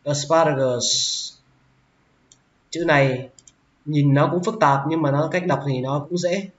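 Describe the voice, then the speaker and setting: A man teaching English vocabulary, who says each word slowly and repeats it several times. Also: fairly high pitch. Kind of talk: vocabulary lesson. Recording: roomy, dull lo-fi sound.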